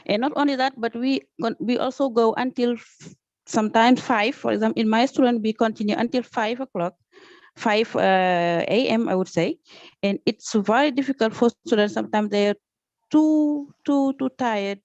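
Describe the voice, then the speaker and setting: A woman's voice: on the high side, normal speed, darkish tone, no echo, lo-fi sound. A woman from Senegal with a Senegalese accent, a teacher speaking off the cuff in a group class, hesitant, repeating words and often saying "okay". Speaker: teacher taking part in an online training. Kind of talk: unscripted comment in a group class.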